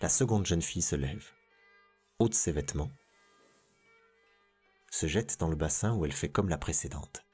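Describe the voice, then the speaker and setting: A man narrating a literary tale in a measured, expressive reading. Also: rumbling low, faint music behind. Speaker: storyteller.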